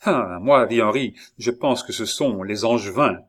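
A man voicing an agitated, vengeful young king who speaks loudly and insistently, sometimes pleading, in a dramatized audiobook reading. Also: fairly low pitch, measured pace. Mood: uneasy.

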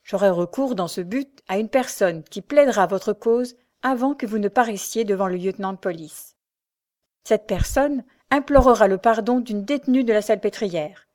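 A woman's voice: medium pitch, normal speed, darkish tone, lightly acted. A woman reading the part of a kindly, confident elderly male doctor in an audiobook, with a paternal, reassuring manner.

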